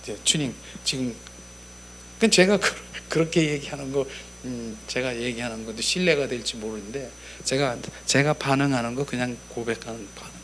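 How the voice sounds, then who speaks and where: A man's voice: mid-range voice, normal speed, a bit bright, a little hiss or hum. A male pastor giving a conversational sermon, repeating key phrases and acting out prayers in an intimate tone. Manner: acts out prayers in an intimate, whispering tone.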